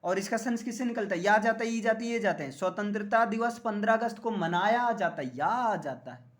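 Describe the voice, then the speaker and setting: A man's voice: sits high, quick pace. A man teaching English grammar in a classroom lecture. He jokes often and keeps checking that the students understand.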